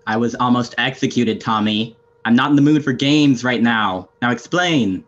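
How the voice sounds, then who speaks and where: A man's voice: medium pitch, normal speed, fairly bright tone, natural voice. A young man playing a stern, weary, menacing anarchist fighter, curt and sardonic, in an amateur video game role-play drama. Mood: weary, impatient. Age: young adult. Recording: muffled lo-fi headset audio.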